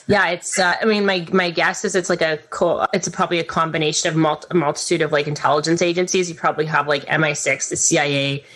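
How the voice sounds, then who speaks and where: A woman guest in a casual podcast conversation, chatty and animated, with lots of fillers. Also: on the low side. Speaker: podcast guest, news presenter.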